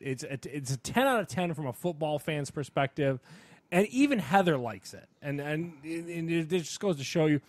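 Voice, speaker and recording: On a laid-back sports and entertainment podcast, this male co-host talks in an emphatic, enthusiastic, rambling style. His voice is on the high side, with no echo in the recording.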